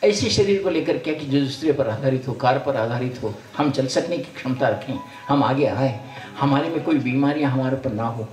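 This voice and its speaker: A man's voice: medium pitch, moderate pace, darkish tone, soft background music. An older man, a spiritual teacher, giving a folksy sermon to a gathering, blessing and scolding by turns. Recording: roomy sound from far off the mic.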